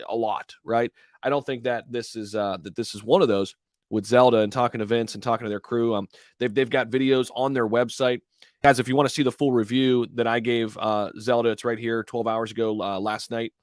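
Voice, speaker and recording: A man's voice: mid-range voice, no room sound, studio quality. A man hosting a crypto livestream with slangy, promotional crypto bro hype, talking casually to his viewers.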